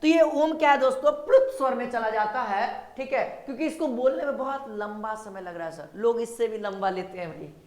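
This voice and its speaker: A woman's voice: fairly high pitch, a little fast, few pauses, darkish tone. A woman teaching a grammar lesson for exam prep, often repeating her points and calling viewers sir and brother. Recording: echoey room.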